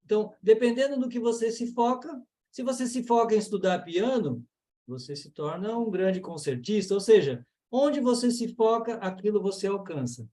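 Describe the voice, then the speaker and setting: A man's voice: sits high, lively intonation, moderate pace, mellow. Brazilian man teaching on a video call. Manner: earnest, explanatory, with many fillers. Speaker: yoga and mantra teacher. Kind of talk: online lecture and Q&A.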